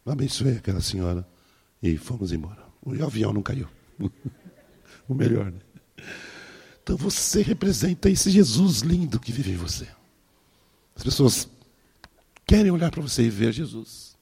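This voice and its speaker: Preaching a sermon, this pastor in his 60s shares personal stories, acting out the dialogue with soft laughs. His husky, mid-range voice is very animated, with vocal fry, long pauses, and a moderate pace.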